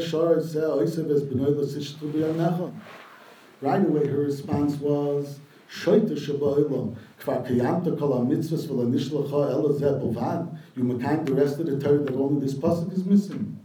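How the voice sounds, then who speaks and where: A man's voice: a little high, warm tone, roomy sound, distant mic, rough recording. A man giving a sermon, retelling a midrash and translating Hebrew quotes as he goes. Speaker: rabbi giving a talk.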